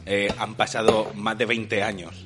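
A man's voice: on the low side, flat delivery, measured pace, loud music behind the voice. A man in casual chat, opinionated and telling absurd jokes dryly. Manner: opinionated, dry absurd humor. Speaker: podcast co-host.

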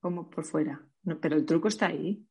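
A woman's voice: low voice, quick pace, warm tone. A woman co-hosting a casual chat, teasing and playfully acting out little scenes. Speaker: podcast co-host.

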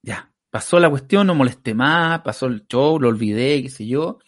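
A man with a Chilean accent, a stand-up comedian telling stories in a casual chat and acting out the quoted people. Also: normal speed. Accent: Chilean Spanish. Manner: acts out quotes in a high excited voice. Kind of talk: casual chat, animated storytelling.

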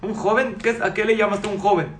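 Animated man in his forties teaching. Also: high voice, quick pace, roomy sound, slight background noise. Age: 40s. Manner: animated, asks the audience rhetorical questions. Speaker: Torah teacher. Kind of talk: religious class to a live audience. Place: room with a live audience.

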